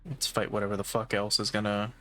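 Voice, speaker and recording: Man narrating his game, bright voice. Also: on the low side, a little fast. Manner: relaxed, talks through puzzle steps with fillers and swearing. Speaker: gaming streamer. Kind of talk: casual let's-play commentary.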